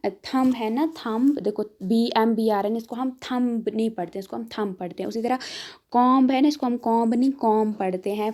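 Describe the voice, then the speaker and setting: A woman tutor talks through an exam-prep lesson. Her voice is mellow and warm. She explains patiently and slows down to repeat each example word. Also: fairly high pitch.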